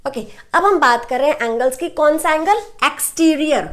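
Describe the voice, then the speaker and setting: High-voiced Indian woman teaching maths. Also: animated, normal speed, a bit bright. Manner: explains in Hindi mixed with English terms, checks in with "right?". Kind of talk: online maths lesson.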